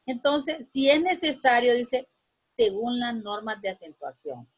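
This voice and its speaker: A woman's voice: a little high, very animated, a little slow. A woman teacher giving a spoken grammar lesson, rambling with many restarts and a constant "right?" tag.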